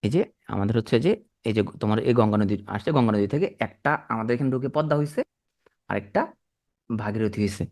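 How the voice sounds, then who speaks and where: A man teaching an exam prep class, talking quickly and repeating key points for his students. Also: lowish voice, a little mellow. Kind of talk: classroom lecture.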